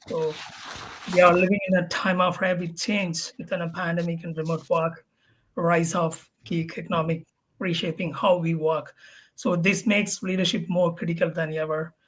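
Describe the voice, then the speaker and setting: A man's voice: sits high, little pitch movement, moderate pace, a bit bright. Male panelist, formal delivery, stiff phrasing. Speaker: lead product designer, panel guest. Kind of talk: panel discussion.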